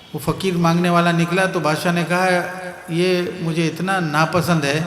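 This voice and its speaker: A man's voice: a little high, little pitch movement, fairly bright tone, echoey room, in a large hall. A Pakistani man with a Pakistani Urdu accent giving a sermon at a religious gathering, telling parables, repeating key phrases and checking whether the crowd understands. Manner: keeps asking the crowd if they understand. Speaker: guest preacher.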